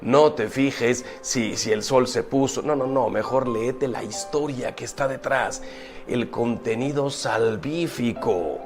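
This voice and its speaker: A priest preaching, emphatic and full of rhetorical questions, moving from loud exclamations to quiet asides. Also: male voice, mid-range voice, unhurried, music in the background. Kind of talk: preaching talk.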